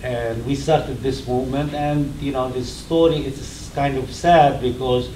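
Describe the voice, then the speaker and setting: A man from northern Palestine recalling his life and his late wife's work in halting, non-native English. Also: mid-range voice, steady tone, darkish tone. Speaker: interview guest. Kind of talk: personal recollection. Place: museum. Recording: echoey room, distant mic, noisy.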